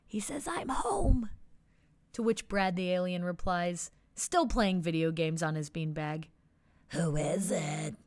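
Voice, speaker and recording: A woman with a high voice tells a playful picture story aloud. She narrates with animated energy, describing each panel as she goes. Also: dry recording.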